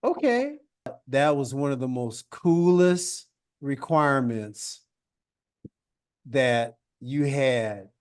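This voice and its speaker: A man teaching a one-on-one science lesson, patient and encouraging, guiding his student with questions and praise. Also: medium pitch.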